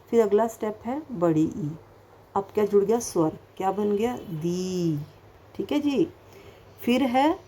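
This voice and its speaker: In a recorded lesson for children, a woman teacher with a mid-range, darkish voice patiently poses questions and then answers them herself. She repeats each word carefully to demonstrate its sound, with slight background noise present.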